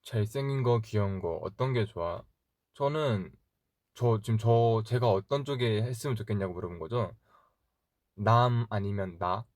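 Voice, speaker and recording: A young man chatting casually on a live stream, musing aloud and answering fan comments in a relaxed way. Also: on the low side, normal speed, no room sound, clean studio sound.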